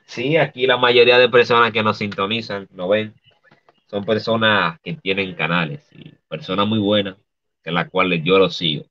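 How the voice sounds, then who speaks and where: A man with a Dominican accent, a guest artist speaking haltingly and softly, with many restarts, over dull lo-fi video call audio. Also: on the low side, steady tone, dry recording. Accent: Dominican Spanish. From Dominican Republic. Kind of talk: emotional interview.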